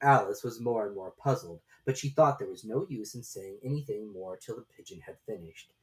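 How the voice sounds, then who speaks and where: A woman reading a storybook as narrator in an expressive, scripted style. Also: very deep voice, brisk, poor audio.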